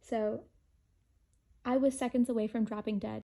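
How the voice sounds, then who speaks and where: A young woman with a somewhat high-pitched voice narrates a painting vlog. She talks casually and rambles with tongue-in-cheek humor, treating small matters with dry, exaggerated drama. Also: fairly even intonation, moderate pace, gravelly, warm tone. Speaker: vlogger and hobby painter.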